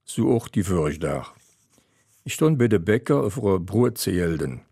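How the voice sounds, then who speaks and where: Slow, dry-humored storyteller man. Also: deep voice, very animated, vocal fry, mellow, husky, no echo. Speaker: comedic storyteller. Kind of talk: humorous dialect monologue.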